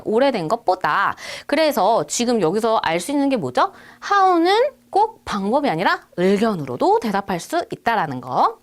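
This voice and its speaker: A woman teaching a recorded test-prep lecture, explaining step by step and acting out sample answers. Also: mid-range voice. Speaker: English test instructor.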